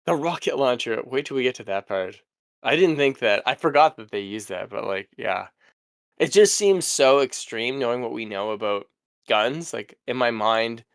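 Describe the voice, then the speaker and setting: A young man hosting a podcast, chatting casually in a relaxed, rambling way. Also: medium pitch, clean tone, no echo, studio quality. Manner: relaxed, rambling, laughs easily. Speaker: podcast host. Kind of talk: casual chat.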